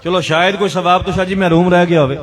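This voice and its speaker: A man's voice: high voice, fairly even intonation. Punjabi-accented man preaching a majlis. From Pakistan. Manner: mixes Urdu and Punjabi, dramatic storytelling with chanted calls to the crowd. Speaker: zakir reciting a majlis. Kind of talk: Shia majlis sermon storytelling.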